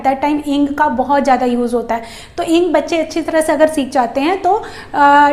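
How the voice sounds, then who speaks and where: A woman teacher explaining phonics to parents, speaking in Hindi mixed with English and sounding out letters slowly. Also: sits high, reverberant.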